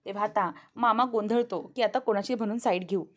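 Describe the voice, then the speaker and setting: A woman's voice: medium pitch, a little fast. A young woman narrating a TV serial episode as a spoken story, voicing the characters' lines herself. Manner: narrates plainly, then lifts her voice for characters' quoted lines. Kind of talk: storytelling recap with acted-out dialogue.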